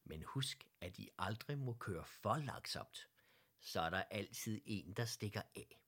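A man voicing a friendly male teddy bear who coaches the others in cycling, giving calm, encouraging instructions. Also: lowish voice. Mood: instructive.

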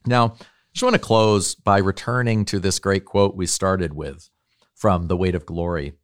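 A man's voice: low-pitched, fairly even intonation, moderate pace, clear, resonant tone, no room sound, clean studio sound. A man who teaches at a university, giving a thoughtful lecture on literature and faith and often checking in with tag questions.

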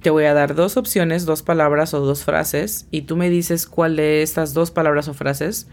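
A woman with a low voice leads a scripted language lesson at an unhurried pace. She is patient and spells out every pronunciation letter by letter. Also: steady tone, darkish tone. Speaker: English teacher and host.

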